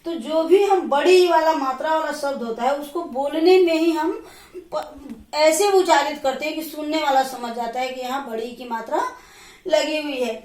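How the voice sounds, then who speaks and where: A woman teacher giving a slow grammar lesson, repeating and counting points aloud. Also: sits high, a little mellow, distant mic. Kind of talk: classroom lesson. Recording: echoey room, voice from off the mic.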